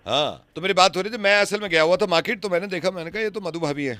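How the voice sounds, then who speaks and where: A man's voice: sits high, rapid-fire, bright, forceful tone, dry recording. A man playing a radio prank call, chatting along innocently while provoking the person on the line. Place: radio studio.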